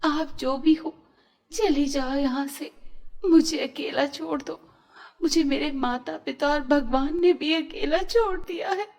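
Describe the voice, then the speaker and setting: Woman doing sweet orphan girl in a cartoon tale, soft, pleading, high voice. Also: takes it slowly. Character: kind gentle young orphan girl.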